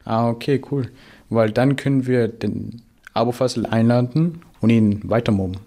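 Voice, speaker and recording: A man's voice: medium pitch, normal speed, vocal fry, mellow. A teen boy playing a slangy schoolboy. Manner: slangy schoolkid talk with hesitations. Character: teenage schoolboy Franz, first mean then friendly. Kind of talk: amateur school drama.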